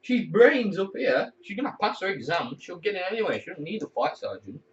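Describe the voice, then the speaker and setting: A teenage lad in the air cadets rambles candidly to his camera at home, swearing now and then when annoyed. His voice is high, swings widely in pitch and moves fairly quickly, but he sits some way from the mic, so the sound is distant, dull and muffled.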